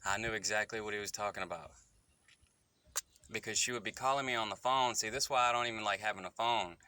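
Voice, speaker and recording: A man's voice: fairly low pitch, bright, forceful tone, slight background noise. A man in his thirties telling a candid personal story to his phone, rambling and correcting himself as he goes. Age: 30s. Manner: rambling, halting and self-correcting. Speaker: vlogger. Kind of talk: candid personal confession to camera.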